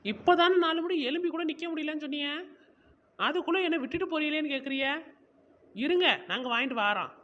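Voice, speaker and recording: A woman's voice: sits high, quick pace, lo-fi sound, slight background noise, close to an everyday voice. A woman doing a blunt, sarcastic village woman. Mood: mocking. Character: sharp-tongued no-nonsense village woman.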